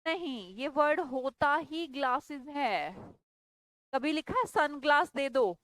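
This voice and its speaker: A woman's voice: high-pitched, lively intonation, slow pace, a bit bright, no echo, rough recording. A woman teaching an English grammar class, firmly questioning and scolding students. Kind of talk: online class lecture.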